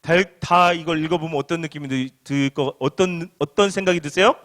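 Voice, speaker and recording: A man's voice: a little high, a bit bright. A young adult male pastor giving a casual, conversational sermon to a youth group, asking his listeners questions and acting out everyday reactions. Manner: acts out everyday reactions in quick quoted asides.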